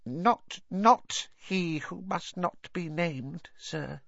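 A man voicing an anxious, servile male house-elf in an audiobook reading, with a high, pleading manner. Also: very slow, gravelly, fairly bright tone, no room sound, heavily acted. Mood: earnest. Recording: dull dry studio sound.

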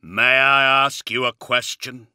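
A man voicing a huge armoured warlord who speaks in a deep, rumbling, grave voice. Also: level tone, slow, pushed and bright, smooth, dry recording, clean studio sound.

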